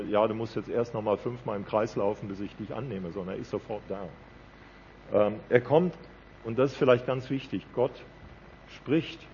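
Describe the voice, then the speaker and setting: A man's voice: lowish voice, a little mellow, muffled recording, slight background noise. A man preaching a sermon in an earnest, conversational way, often checking in with a "ja?".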